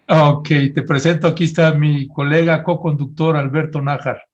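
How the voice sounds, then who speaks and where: A man hosting a live interview broadcast, talking in a relaxed, conversational way with small restarts. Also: fairly high pitch, moderate pace, highs cut off. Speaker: host.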